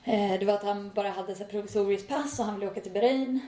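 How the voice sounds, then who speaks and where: A woman's voice: medium pitch, mellow. A young woman in her twenties chatting casually as a podcast co-host, telling stories animatedly and acting out quoted dialogue. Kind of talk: casual chat. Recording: echoey room.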